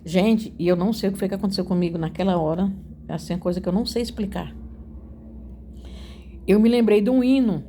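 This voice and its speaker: A woman's voice: mid-range voice, fast talker, long pauses, dark tone, slight background noise. A woman giving an emotional religious testimony. She talks earnestly, repeats her phrases and keeps turning to her listeners. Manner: earnest, repetitive, addresses listeners as "gente".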